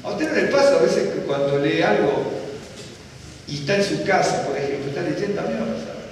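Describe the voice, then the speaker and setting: High-voiced rabbi preaching in echoey hall. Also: male voice, sing-song, brisk. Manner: conversational, asks listeners questions, tells personal anecdotes. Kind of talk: sermon teaching. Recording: distant mic in echoey hall, faint noise.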